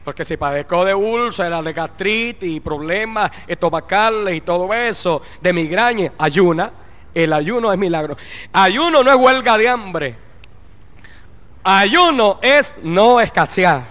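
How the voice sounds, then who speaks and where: High, bright-voiced preacher in an echoing hall. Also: male voice, animated, normal speed. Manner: fervent preaching, with frequent interjected "aleluya" and "bendito Cristo"; swings from loud exhortation down to muttered asides. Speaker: pastor. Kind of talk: sermon. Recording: long reverb of a large hall.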